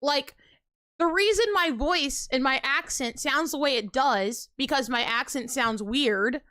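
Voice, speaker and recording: A woman's voice: high voice, unhurried, sharp tone, no echo, studio quality. A young American woman with a slight Texan accent, ranting indignantly and animatedly to her livestream chat. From United States.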